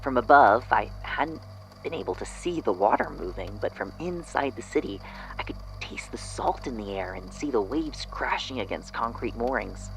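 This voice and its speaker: In this rough recording with faint music behind him, a man speaks in a mid-range, animated voice at a moderate pace, close to how he'd normally talk. He plays an unsettled narrator in an audio drama, hesitantly and reflectively recounting an eerie memory in the first person with a sense of uneasy wonder.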